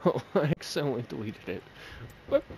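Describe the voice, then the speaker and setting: A woman's voice: low voice, wildly swooping pitch, normal speed, vocal fry, slightly rough. A woman gamer on voice chat, swearing, laughing and yelping during casual banter. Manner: swears and laughs, yelps loudly. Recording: noisy voice chat mic.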